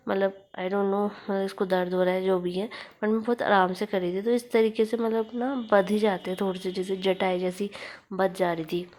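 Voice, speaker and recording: A woman's voice: mid-range voice, darkish tone. A young woman, a new mother, chatting casually as she explains each step of caring for her baby. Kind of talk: casual home vlog narration.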